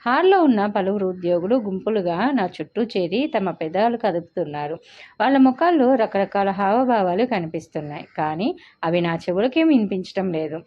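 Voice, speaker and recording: A woman narrates a dramatic novel in the first person, pouring emotion into the heroine's words. Her voice sits at an ordinary middle pitch. The recording is a little muffled and lo-fi. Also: lively intonation, moderate pace. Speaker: storyteller. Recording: slightly dull lo-fi audio.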